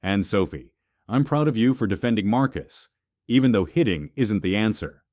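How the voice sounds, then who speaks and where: A man reading the part of a protective father who speaks calmly and firmly. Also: on the low side, moderate pace, no echo, studio quality, close to an everyday voice. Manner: calm, firm. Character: protective wealthy father, calm and firm.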